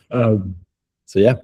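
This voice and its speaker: A man's voice: on the low side, mellow, breathy edge. A man giving a friendly, pleased check-in on an online meeting. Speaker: community participant.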